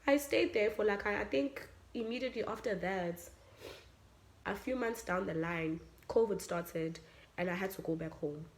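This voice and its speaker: A woman's voice: medium pitch, moderate pace. A young South African woman telling a personal story in a casual vlog, acting out what people said and slipping in Zulu phrases. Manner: animated, acts out quotes, mixes in Zulu phrases. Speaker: vlogger.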